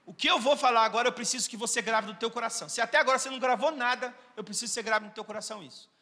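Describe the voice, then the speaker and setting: A man's voice: very high voice, rapid-fire, bright, forceful tone. A male pastor preaching a sermon, calling out questions to the congregation and to viewers at home. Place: church hall. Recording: church hall reverb.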